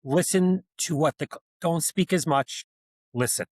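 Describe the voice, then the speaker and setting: A man's voice: a little high, measured pace, dry recording, rough recording. A man with a New Jersey accent, a podcast guest who founded an accounting firm, talking in a plainspoken, direct way. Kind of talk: casual interview chat.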